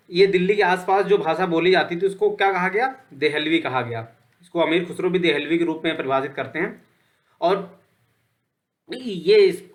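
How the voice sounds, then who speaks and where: Casual, fairly high-voiced male teacher. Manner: conversational, repeats points with "ठीक है"; poses questions then answers them. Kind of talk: online lecture.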